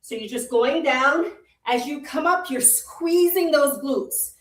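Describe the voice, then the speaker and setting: A Jamaican woman with a high, slow voice coaches a live virtual workout, encouraging people, repeating short cues, and laughing easily. She's a fitness instructor, and the recording sounds roomy, with her distant from the mic.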